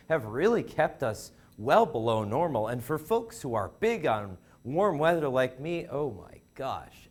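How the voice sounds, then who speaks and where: A man presenting the weather forecast on a student TV newscast, chatty and playful with wordplay. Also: mid-range voice.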